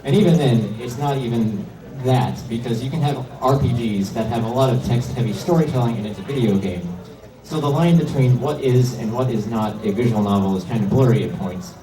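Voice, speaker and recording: In an indoor convention panel room, an indie game developer gives a relaxed, slightly unsure slide presentation in a mid-range voice, talking a little fast. Crowd noise and heavy background noise fill the echoey recording from a distant mic.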